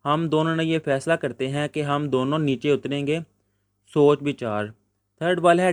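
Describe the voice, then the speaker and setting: A man teaching a school Urdu lesson with a Pakistani Punjabi accent, reading out words and their meanings in a steady dictating rhythm. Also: a little high, no echo. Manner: reads word pairs in a steady dictating rhythm. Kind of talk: Urdu textbook lesson explanation.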